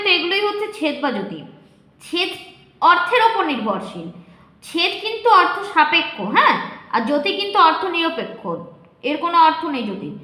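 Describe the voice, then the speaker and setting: A woman's voice: very high voice, bright, forceful tone. A woman teaching a lesson to students, explaining step by step and asking them whether they follow. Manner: explains step by step, checks understanding with questions. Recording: echoey room.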